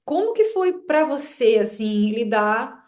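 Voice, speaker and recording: A young woman who stutters, gently asking questions as host of an interview. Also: fairly high pitch, big pitch swings, slow pace. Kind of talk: interview conversation.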